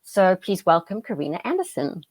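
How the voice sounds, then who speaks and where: A woman's voice: medium pitch, big pitch swings, brisk, a little mellow, no room sound. A woman hosting an interview, talking enthusiastically and heaping praise on her guest. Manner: gushing, enthusiastic, effusive praise. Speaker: host. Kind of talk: interview conversation.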